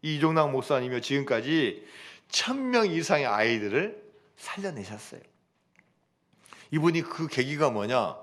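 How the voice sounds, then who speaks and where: A man preaching a sermon as pastor, telling a story with lively acted-out prayers and dialogue. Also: mid-range voice, a little slow, long pauses. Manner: animated storytelling, acting out quoted prayers and dialogue. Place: church.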